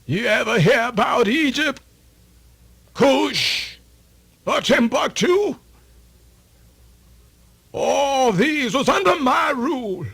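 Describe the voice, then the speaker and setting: With music running underneath, this radio theatre monologue features an older man in full character voice as a weary, proud old storyteller. His pitch is extremely high and expressive, the pace slow with vocal fry and long pauses, and the tone a bit bright yet husky. The delivery stays folksy, solemn and oratorical, carrying a proud, defiant mood.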